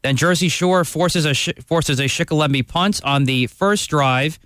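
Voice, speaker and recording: A man hosting a radio sports show, recapping scores and introducing highlight clips. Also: normal speed, a bit bright, no room sound, studio quality. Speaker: radio halftime host.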